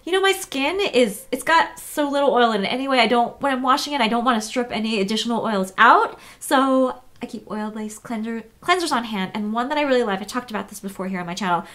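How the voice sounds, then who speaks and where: Her pitch runs a touch high and her tone is a little bright. A thirty-something American beauty vlogger, she walks through a tutorial in a relaxed, chatty way, often filling pauses and swiftly fixing her own words.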